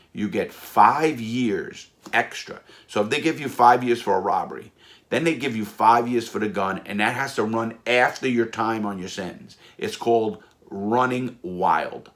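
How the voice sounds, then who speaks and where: A middle-aged American man telling a story in a blunt, animated way that keeps circling back and repeating itself. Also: fairly low pitch. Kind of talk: casual spoken storytelling.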